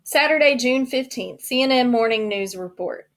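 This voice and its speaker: A woman's voice: fairly high pitch, moderate pace. A woman narrating an audiobook, adding playful asides to the listener.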